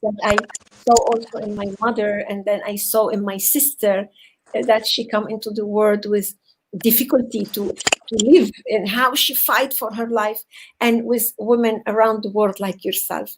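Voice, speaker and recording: An earnest woman psychotherapist giving a heartfelt motivational speech. She talks in a halting way, restarting and repeating words as she searches for them, and her voice sits in an ordinary middle range. It sounds like she is speaking on a video call. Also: mid-range voice, fairly even intonation, background noise. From Venezuela.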